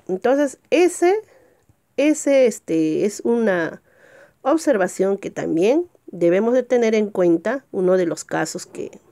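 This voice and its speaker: A woman teacher giving a recorded grammar lesson. She asks rhetorical check questions, slows down to stress example words and jumps up in pitch at each new point. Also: warm tone.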